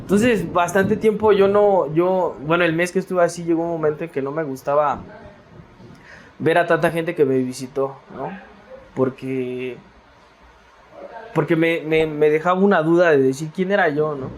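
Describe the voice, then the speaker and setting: A man's voice: a little high, moderate pace, a little hiss or hum. A man with a Mexican accent, a guest in a casual interview, telling his story in a reflective, rambling way with many fillers and repeated words.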